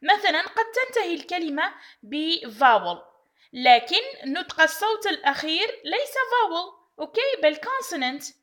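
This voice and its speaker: A woman's voice: very high voice, big pitch swings, moderate pace, fairly bright tone. A woman teaching an English pronunciation lesson, repeating each example word and often checking in with the class. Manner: checks understanding with frequent rising "okay?". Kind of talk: recorded online language lesson.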